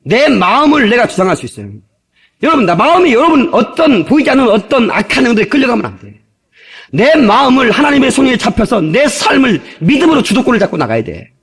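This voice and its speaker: A middle-aged male pastor preaching an animated, jokey sermon with shouted hallelujahs, from an old tape. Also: extremely high pitch, fast talker, husky. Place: church sanctuary.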